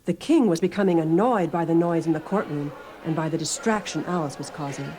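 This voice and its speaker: A woman's voice: sits low, fairly quick, dark tone. A woman reading scripted storybook narration on an album. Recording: noisy album recording.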